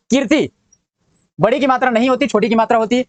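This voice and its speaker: In this dry recording, a young adult man speaks a little fast in a very high-pitched voice while teaching spelling for an exam. His style is drilling: every word gets repeated, followed by the question "what does it become".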